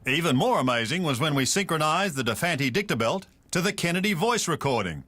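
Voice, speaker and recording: An older reporter narrates in a slightly high voice, his pitch rising and falling in a lively way. He is wry and folksy and leans on dramatic pauses. Clear background noise runs under the voice-over. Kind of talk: scripted narration.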